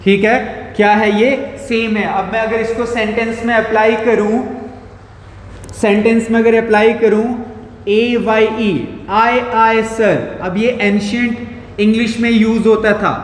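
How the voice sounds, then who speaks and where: A man's voice: sits high, level tone, slight background noise. A male school English teacher, giving a grammar lesson and spelling words out letter by letter. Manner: slow, repeats and spells out words. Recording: roomy echo with long reverb.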